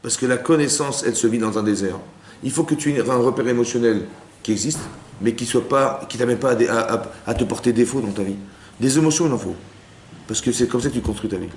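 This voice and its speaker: In a roomy lecture room with faint background noise, a rabbi speaks fast in a medium-pitched, slightly mellow voice. He's teaching Torah to a women's class, using Hebrew terms and repeatedly asking if they understood.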